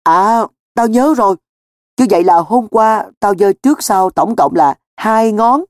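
A man voicing a sly, defensive teenage boy who talks loud and high, always protesting. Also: lively intonation, measured pace, no echo, clean studio sound.

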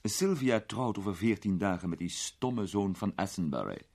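A man voicing a sharp-tongued old duchess and grandmother, gossipy and doting, in a storybook reading. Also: fairly low pitch, animated, normal speed.

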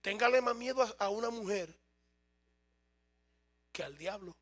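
A man's voice: high voice, a little slow, a bit bright. A man preaching a sermon as a pastor, humorous and speaking straight to his congregation.

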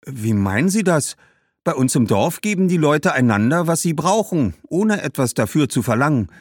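A man's voice: fairly high pitch, sing-song, moderate pace, dry recording, studio quality, pitched above the performer's own voice. A man voicing a friendly, eager young girl from a village, earnest and pleading. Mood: polite, hopeful.

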